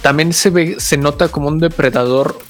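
A man shares his take on a film in a casual review chat. He restarts often and leans on filler words as he thinks. His voice sits fairly high for a man, with faint music underneath. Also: normal speed, a bit bright.

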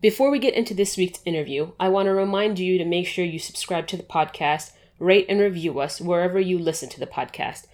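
A woman with a notably low voice hosts a podcast. She reads her introduction in a smooth, formal way, then talks more loosely as she asks questions. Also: fairly quick, hardly any pauses, a little mellow. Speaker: podcast host. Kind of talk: scripted intro then interview.

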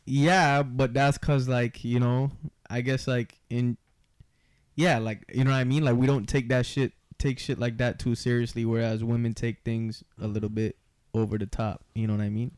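A man's voice: medium pitch, little pitch movement, moderate pace, a little mellow, clean tone, no echo, clean studio sound. A young man speaking as a panelist in a casual, slangy, conversational chat. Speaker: podcast panelist.

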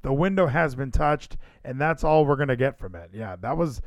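A man's voice: medium pitch, lively intonation, moderate pace, a little hiss or hum. A man hosting a podcast livestream in casual chat, rambling and emphatic, repeating phrases for effect. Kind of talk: casual wrestling show chat.

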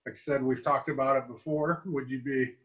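A man's voice: medium pitch, steady tone, a little fast, a bit bright, dull audio. Joking male podcast host. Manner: joking, loose questions with restarts. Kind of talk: casual video-call interview.

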